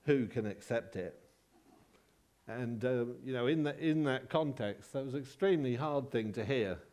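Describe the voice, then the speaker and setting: A male preacher speaks in an easygoing, chatty sermon voice at a middle pitch. He stops and restarts often and weaves in dry, self-deprecating humour. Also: moderate pace, darkish tone. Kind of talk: sermon with personal anecdotes.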